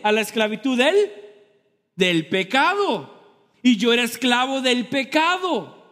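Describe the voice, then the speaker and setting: Man, pastor, sermon, high-pitched, slow, echoey church hall. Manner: animated preaching, asks the congregation questions; self-deprecating humor. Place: church sanctuary.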